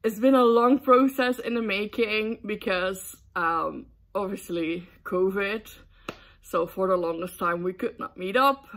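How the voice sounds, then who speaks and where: A young woman from the Netherlands telling a casual storytime, excitable and giggly with lots of ums. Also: medium pitch, a little slow. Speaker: booktube vlogger.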